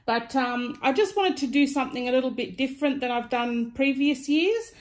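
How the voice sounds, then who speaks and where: A woman's voice: high-pitched, animated, moderate pace. An Australian woman giving a casual, chatty craft tutorial, with a slight lisp from wearing retainer-style aligners in her mouth. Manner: informal, chatty demonstrating while handling items. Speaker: DIY craft vlogger.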